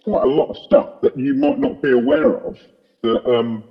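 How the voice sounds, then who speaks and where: A man's voice: wildly swooping pitch, normal speed, gravelly, husky. A man with his voice electronically altered to hide his identity, a podcast guest who works as an aerospace engineer and speaks hesitantly with many fillers and restarts. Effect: voice electronically altered and deepened to hide his identity. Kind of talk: casual interview chat. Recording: dull lo-fi processed audio.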